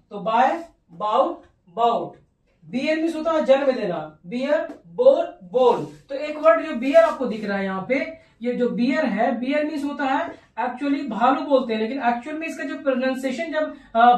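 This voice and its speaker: A woman's voice: sits high, far from the mic. A woman teaching English grammar in Hindi, spelling words letter by letter, repeating verb forms and asking rhetorical check-in questions. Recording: echoey room, voice off-mic.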